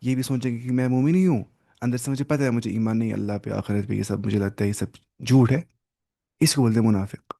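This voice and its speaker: A man teaching a Quran lesson at a measured pitch. He recites Arabic phrases slowly and carefully, then explains each one in Urdu with English terms mixed in. His delivery is emphatic, swelling and dropping in loudness as he drives a point home. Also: creaky.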